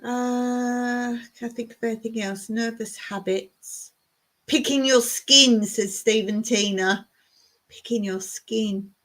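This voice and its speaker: A woman with a fairly high voice hosts a relaxed livestream, thinking out loud at an unhurried pace. She reads viewers' chat comments aloud and chuckles often as she plays a guessing game. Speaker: livestream host. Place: home in rural Cyprus.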